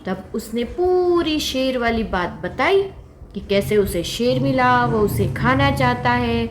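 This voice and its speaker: A woman telling a children's puppet story in a slow, expressive way. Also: a little high, background noise. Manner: slow, expressive, sing-song. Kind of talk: storytelling for kids.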